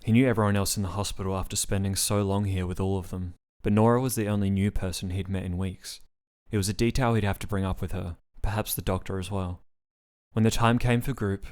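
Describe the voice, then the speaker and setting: A man narrating his own written story in a steady, plain reading style. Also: low voice, clear, resonant tone.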